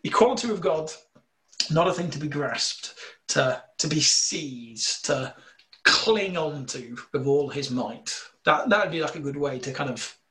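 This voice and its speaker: A man with a slight northern English accent, explaining scripture in a relaxed discussion, earnest and full of fillers. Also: on the high side, unhurried. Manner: earnest, explanatory, thinking aloud with many fillers. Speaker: bible teacher. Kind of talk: casual theological discussion.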